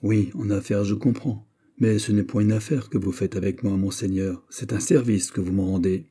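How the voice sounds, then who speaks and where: A man's voice: fairly low pitch, fairly even intonation, normal speed, dark tone, slightly rough. A man voicing a flustered, fawning prison governor who stammers and tries hard to please, in a French audiobook reading.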